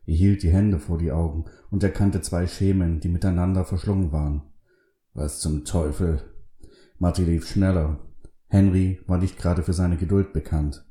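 A man hosting his own show and reading a short story aloud in a calm, measured way. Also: deep voice, reverberant. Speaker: host and reader.

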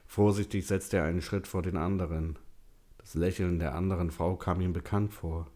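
Male audiobook narrator, very low voice, calm and measured.

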